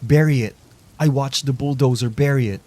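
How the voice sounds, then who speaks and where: A man voicing a sickly, guilt-ridden fat cannibal who pleads in a queasy, higher voice. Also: moderate pace, dark tone, lightly acted. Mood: confessing.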